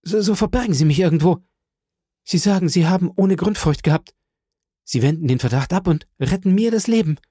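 A man's voice: a little high, normal speed, vocal fry, dark tone, husky, no echo, studio quality, pitched above the performer's own voice. A man voicing a desperate young fugitive in an audiobook, begging urgently for help. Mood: pleading. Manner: urgent, pleading.

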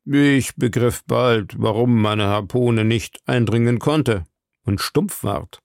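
A man voicing a rough, sturdy male harpooner who talks in a plain, blunt way. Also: medium pitch, slow, darkish tone, no echo, clean studio sound. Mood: matter-of-fact.

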